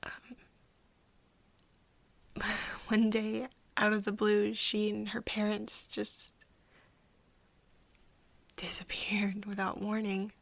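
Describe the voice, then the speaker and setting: A woman plays an earnest young woman confiding in a friend in an ASMR roleplay, an intimate one-sided conversation. Her mid-range voice is monotone, soft and breathy, often whispering, halting and hesitant with pauses, sad in mood and recorded dry.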